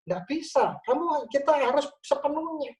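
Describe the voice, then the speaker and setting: A male pastor giving a lively church talk on marriage over a video call, with frequent "ya" tags. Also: very high-pitched, moderate pace, recorded from a distance, poor audio.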